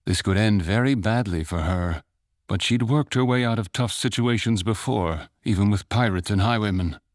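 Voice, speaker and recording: A man narrating a fantasy short story in a measured, even storytelling manner. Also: on the low side, no echo, clean studio sound, lightly acted. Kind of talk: scripted audiobook narration.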